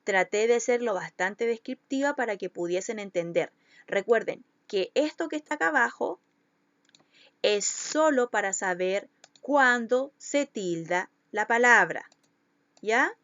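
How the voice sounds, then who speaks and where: A woman's voice: mid-range voice, fairly bright tone, no room sound, muffled recording. A woman schoolteacher, giving a recorded lesson to children and patiently stretching out syllables to show where the stress falls.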